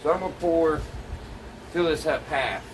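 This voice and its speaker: With a fairly high-pitched voice at normal speed, a plainspoken DIY vlogger narrates his hands-on work to viewers, thinking aloud in a folksy, casual way. A phone camera placed away from him captures distant, noisy sound over a steady hum.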